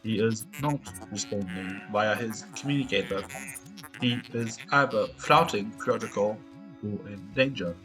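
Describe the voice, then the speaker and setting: A man voicing a calm, formal male spaceship computer, reading game dialogue aloud in a stiff, instructive manner over music. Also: lowish voice, unhurried, natural voice, low-quality recording. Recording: music playing behind.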